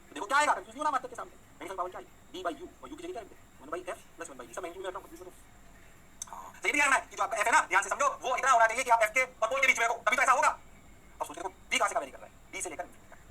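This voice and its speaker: A man's voice: high voice, bright, forceful tone, rough recording. A man teaching physics in a lecture. He talks energetically, coaxes his students along and answers for them in call and response. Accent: Hindi. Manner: fast, rapid-fire explanations.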